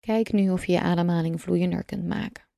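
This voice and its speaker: A woman guiding a breathing meditation, speaking calmly and slowly in a soothing way with long pauses. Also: lowish voice, creaky, no echo, clean studio sound. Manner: calm, slow, soothing instruction with long pauses. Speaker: meditation guide. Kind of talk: guided breathing meditation narration.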